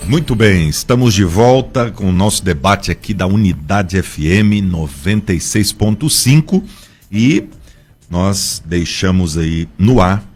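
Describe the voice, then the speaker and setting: A man's voice: on the low side, a little mellow. A Brazilian man standing in as host of a radio debate program, formally greeting listeners from the studio. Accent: Brazilian Portuguese.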